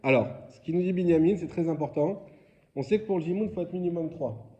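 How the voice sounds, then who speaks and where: A man's voice: fairly high pitch, fast, warm tone, dull audio. A man leading a religious quiz lesson, explaining informally and asking his students questions. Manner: informal, explanatory, asks questions then answers. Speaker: rabbi teaching a class.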